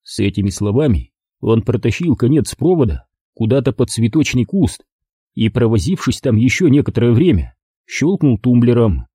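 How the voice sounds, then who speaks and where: Animated, husky male storyteller. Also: medium pitch, moderate pace, no room sound, clean studio sound. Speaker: audiobook narrator. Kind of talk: scripted first-person narration.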